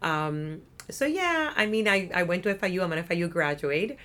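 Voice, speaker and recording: With lively intonation, a fairly low, slightly bright voice, and a moderate pace, a Cuban woman in her thirties chats as an interview guest. Her Cuban Spanish accent comes through as she describes her nonprofit community development work in an office setting. She's upbeat, talkative, and fond of adding "right?"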